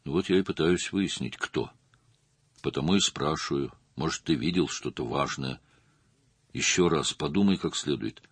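A man reading an audiobook, voicing a calm, patient male police detective who questions in a measured way. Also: very deep voice, husky, no room sound. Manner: measured and probing.

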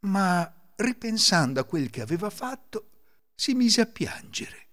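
A man hosting a podcast and narrating folk fairy tales in an expressive, lilting storytelling manner. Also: high voice, unhurried. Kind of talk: scripted fairy-tale narration.

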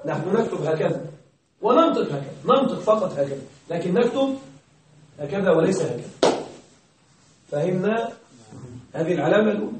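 High-voiced male teacher in an echoing classroom. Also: big pitch swings, slight background noise. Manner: questions the students and checks they follow; repeats key words slowly. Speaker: grammar teacher. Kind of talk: classroom lesson. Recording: very echoey room, distant mic.

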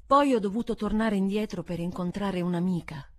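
A woman's voice: mid-range voice, a little fast, close to an everyday voice. A woman as an intense young governess. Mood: explaining. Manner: urgent, emphatic delivery.

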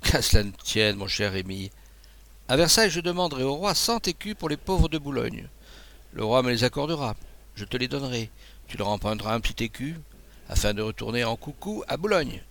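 A man's voice: medium pitch, lively intonation, a little fast, gravelly, a bit bright. A man reading aloud voices a confident, teasing naval officer. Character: self-assured male naval officer, brisk and teasing.

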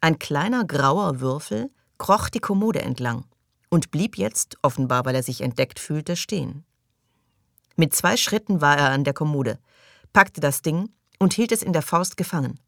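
A woman narrating an audiobook in a measured, even storytelling manner. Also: low voice, gravelly, no room sound, clean studio sound. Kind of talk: scripted narration.

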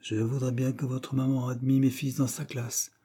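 A man doing a kindly, thoughtful gentleman. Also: medium pitch, flat delivery, normal speed, slightly rough, lightly acted. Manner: gentle, half-serious.

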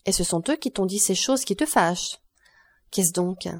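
A woman's voice: medium pitch, lively intonation, normal speed, no echo, studio quality, natural voice. A woman reading an audiobook, voicing an earnest young woman who speaks anxiously and affectionately to her grandfather. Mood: pleading.

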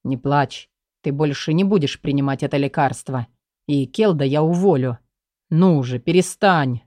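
A woman voicing a stern aristocratic male guardian who sounds worried and gruff. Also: normal speed, mellow, no room sound, close to an everyday voice. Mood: soothing. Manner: low, gruff, urgent.

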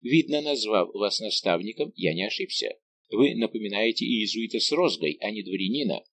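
A man voicing a scheming young nobleman who taunts and quickly flares into anger. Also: on the low side, fairly bright tone, slight background noise. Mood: indignant. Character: scheming young nobleman, mocking and hot-tempered.

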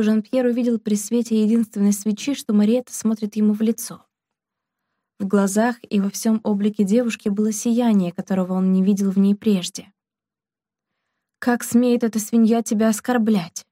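Calm, mellow woman narrating a novel. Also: mid-range voice, dry recording, studio quality. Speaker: audiobook narrator. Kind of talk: scripted narration.

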